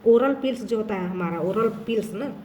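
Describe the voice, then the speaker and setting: A woman teacher works through test questions in a relaxed, explanatory way, reading each statement out slowly and then answering briskly. Her voice sits at an ordinary pitch for a woman and rings in an echoey room, with a faint background hum. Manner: mixes English terms into her talk.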